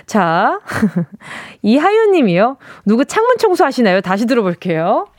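A high, bouncy female radio DJ hosting a listener quiz from the studio. Her voice swings widely as she reads messages and mimics the sounds they describe. The sound is close and dry, with no room echo. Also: huge pitch swings, measured pace. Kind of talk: radio call-in quiz chat. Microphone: studio microphone.

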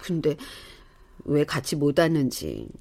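An emotional, chatty middle-aged daughter. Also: female voice, low voice, huge pitch swings, unhurried, gravelly, darkish tone, exaggerated voice. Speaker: daughter reunited with her mother. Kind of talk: audio drama acting.

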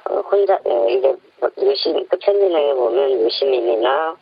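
A man's voice, disguised by a voice changer so that it lurches wildly in pitch, comes through a muffled phone line. It sounds gravelly and husky, and it is very dry. He answers hesitantly, with frequent fillers and restarts. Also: wildly swooping pitch, no echo. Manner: hesitant, halting with many fillers. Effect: voice altered by a voice changer for anonymity. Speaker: anonymous informant interviewed by phone. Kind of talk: radio phone interview.

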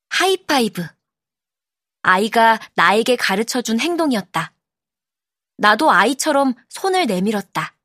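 A woman narrating an audiobook in a calm, measured storytelling manner, close to the mic. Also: on the high side, dry recording. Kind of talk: scripted narration.

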